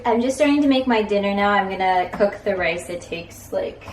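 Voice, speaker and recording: A woman's voice: mid-range voice, animated, moderate pace, a little mellow. A young adult woman vlogging at home in a casual, chatty way, with lots of "like" fillers. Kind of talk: casual vlog chat. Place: home, indoors. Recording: roomy echo, distant from mic, faint noise.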